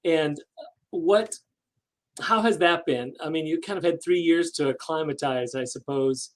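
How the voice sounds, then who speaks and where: A man's voice: fairly high pitch, a little slow. Man hosting a friendly interview. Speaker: host.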